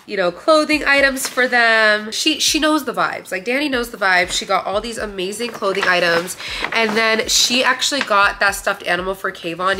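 Young woman vlogger, bubbly haul chatter, crisp bright voice, faint hiss. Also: mid-range voice. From Romania. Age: young adult. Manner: gushing, chatty, says "like" a lot. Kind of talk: casual haul video. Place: bright living room indoors.

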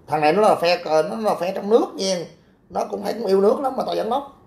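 Brash livestreamer, dark voice. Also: male voice, sits high, fast talker, vocal fry. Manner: brash, crude, blocks commenters. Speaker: livestream host. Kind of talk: casual livestream chat reading comments.

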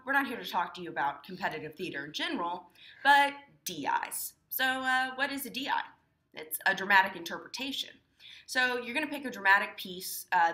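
Bright-voiced teen girl explaining, echoey room. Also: medium pitch. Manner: chatty, many fillers like um and like. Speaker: student competitor explaining dramatic interpretation. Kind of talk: casual instructional talk.

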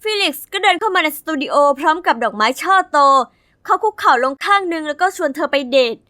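A young woman narrating her own animated story as its heroine, chatty, dramatic and confiding. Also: sits high, fast, dry recording, studio quality.

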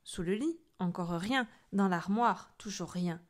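A woman tells a children's story with lively expression. She reads as a storyteller and shapes each line for young listeners. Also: mid-range voice, a little slow. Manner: expressive, animated reading.

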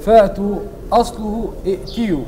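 A man who is a student in class, reading a formal grammar text aloud with halting pauses. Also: sits high, steady tone, warm tone, poor audio.

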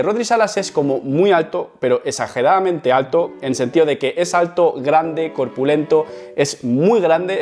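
Chatty YouTuber telling a story. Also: male voice, a little high. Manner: chatty, animated, self-mocking. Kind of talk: storytelling to camera. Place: home setup facing a camera.

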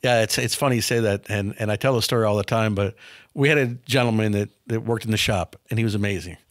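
Seated as a guest on a dark studio set, a business founder in his fifties shares blunt career stories in a candid interview, frequently restarting phrases with a repeated word. His low voice is dry and close on a studio boom mic, and he talks quickly with no room sound.

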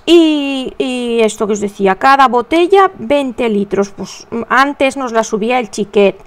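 Chatty high-voiced woman crocheting. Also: unhurried. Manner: chatty, counts stitches under her breath, addresses viewers as "reinas". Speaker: crochet tutorial host. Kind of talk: casual chatty crochet tutorial, counting stitches aloud.

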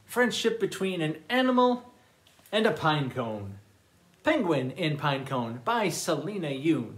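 A man who is a children's librarian, reading picture books aloud at storytime in an animated, expressive voice. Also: fairly high pitch, unhurried.

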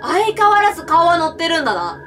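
A woman streamer playing a horror game, commenting with excitable, frightened reactions and shouts. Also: very high voice, fast talker, distant mic, over loud music. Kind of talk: let's play commentary.

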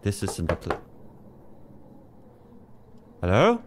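A man's voice: lowish voice, lively intonation, unhurried, very noisy. A man casually commenting as he plays a horror game, muttering to himself with jumpy, nervous asides. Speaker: let's play gamer.

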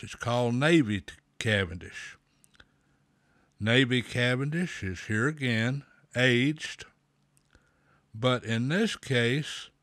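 A man talking slowly with a pipe in his mouth, a folksy host explaining at a measured pace with pauses. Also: mid-range voice, fairly bright tone, dry recording, studio quality. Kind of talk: slow, deliberate explainer talk.

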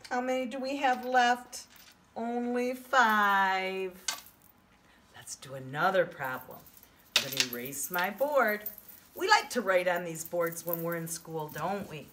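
A woman's voice: fairly low pitch, very animated, moderate pace, background noise. A woman preschool teacher giving a children's math lesson in a broad singsong, asking coaxing questions and counting aloud. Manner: broad singsong delivery aimed at small children.

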